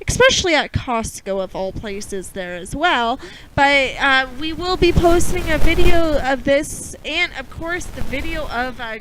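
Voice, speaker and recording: Chatty high-voiced woman. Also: a little hiss or hum, low-quality recording. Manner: chatty, rambling, leans on fillers. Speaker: podcast co-host. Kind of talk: casual news chat.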